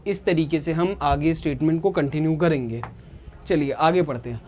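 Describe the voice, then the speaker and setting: An Indian man leads a beginner German lesson in a voice that sits on the high side and sounds a little mellow, with a slight hiss or hum in the background. His delivery is slow and patient, built on repeating words, and he frequently checks his students' understanding.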